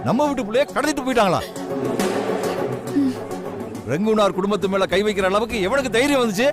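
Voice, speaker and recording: Flashy sweet-talking village guy, tv serial, high voice. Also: lively intonation, rapid-fire, over loud music. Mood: fawning. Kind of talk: TV serial acting.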